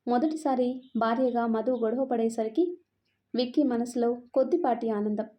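A woman telling a romance story as scripted narration, with an even, expressive storytelling manner. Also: a little high, moderate pace. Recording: dull lo-fi narration recording.

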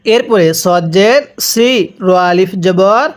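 A Quran recitation teacher spelling out letters and vowel marks one by one, then drilling each word slowly for listeners to repeat. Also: medium pitch. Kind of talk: step-by-step recitation lesson.

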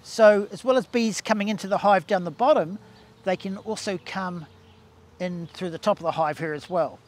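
Here a man in his sixties speaks at a moderate pace in a voice that sits high, with a New Zealand accent. As a bee scientist, he demonstrates hive equipment outdoors in a garden alongside the beehives, talking with restarts and gestures.

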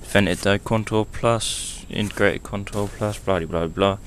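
A man's voice: lowish voice, steady tone, unhurried, slight background noise. A hungover young man talking offhand and chattily, casually showing his kit as a motorcycle vlogger. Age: young adult. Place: small bedroom indoors.

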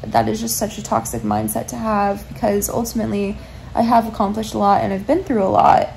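Speaking briskly in a medium-pitched voice with vocal fry and little pitch movement, a twenty-something vlogger chats from bed into a phone camera at arm's length. The confessional talk about her life is soft, reflective and meandering, and the poor audio has a little hiss or hum.

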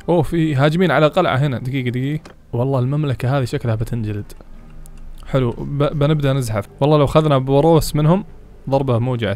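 A man gives let's play commentary at a rapid clip, in a voice of ordinary middle pitch. He chats excitedly with his viewers and reads game text aloud. Faint music plays underneath. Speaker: gaming channel host.

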